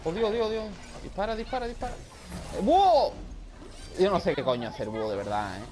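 A man with a Spain Spanish accent giving loud, excitable live gameplay commentary, often shouting and swearing. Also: a little high, fast. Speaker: gaming video creator.

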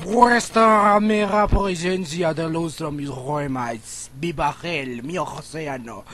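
A man's voice: fairly high pitch, slow, fairly bright tone, slight background noise, voice pushed down. A man voicing a pompous, formal armored knight in a mock French accent, stiff and grandiose. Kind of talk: dramatic reading of game dialogue.

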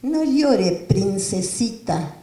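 A tender mother cooing over her little girl, as a woman lecturer puts her on. The voice is warm and mellow and rises a bit. It echoes and sounds distant from the mic. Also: mid-range voice, lively intonation, very slow. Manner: cooing, soothing.

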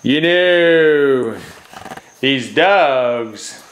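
A man's voice: mid-range voice, animated, drawn-out words, fairly bright tone. A man at home chatting playfully to his dogs on camera, in a teasing, baby-talk way. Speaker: vlogger and dog owner. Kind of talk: casual chat to pets on camera. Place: home, indoors. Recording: roomy echo, faint noise.

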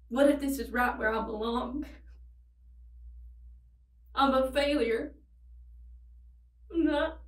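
A young woman playing a desperate, sorrowful tragic heroine in a dramatic monologue, pleading and confessing in anguish. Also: high voice. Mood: wistful, sorrowful. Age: young adult. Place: indoors against a plain backdrop. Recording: roomy, distant microphone.

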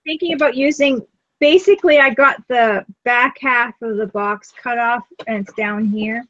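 Brief: easygoing woman, fairly high voice, casual craft-stream chat over a muffled lo-fi line. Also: normal speed, a bit bright, no room sound. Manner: chatty, easygoing, talks while working. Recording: lo-fi live-stream audio.

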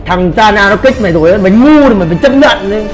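High, lively-voiced brash gaming man. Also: rapid-fire, faint music behind. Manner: brash, swears and trash-talks teammates. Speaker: gaming streamer. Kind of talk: live gameplay commentary.

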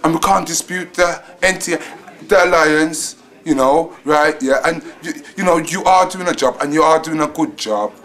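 A man's voice: a little high, moderate pace, hardly any pauses, a bit bright. A man from a social enterprise, giving a rambling vox pop interview full of fillers.

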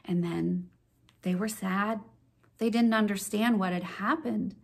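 A woman leading a children's Bible lesson, telling the story in an animated, expressive way for kids. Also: mid-range voice, a little slow, gravelly. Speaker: children's ministry leader.

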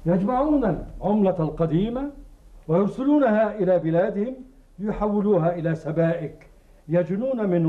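A formal, principled sheikh. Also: male voice, high-pitched, phone-quality sound. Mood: alarmed. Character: learned older sheikh, calm, principled historian.

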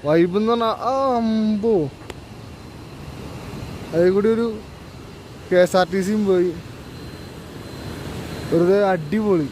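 A man in his twenties with a Kerala Malayali accent talks to viewers in a casual travel vlog style. His voice sits high for a man, and he slips English words into his Malayalam. It is recorded on a handheld phone outdoors, with plenty of ambient roadside noise. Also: takes it slowly, long pauses, darkish tone. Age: 20s. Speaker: travel vlogger. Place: outdoors by roadsides, dam and waterfall. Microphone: handheld phone at arm's length. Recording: noisy outdoor roadside, wind and traffic.

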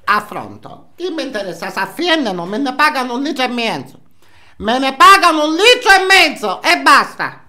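Comic sketch: nosy older Sicilian housewife played by a man, dialect-laced scolding, bright voice swinging wildly. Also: very high voice, very animated, normal speed, exaggerated voice. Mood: resigned, chatty. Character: nosy, indignant older Sicilian housewife, gossiping about neighbours. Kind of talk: comic character monologue. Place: small indoor room, seated facing camera.

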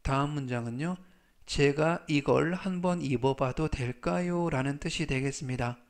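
A man teaching English vocabulary. He speaks with a Korean accent, reads each word and example slowly three times, and uses formal, polite phrasing. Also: fairly high pitch. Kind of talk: slow, patient vocabulary lesson.

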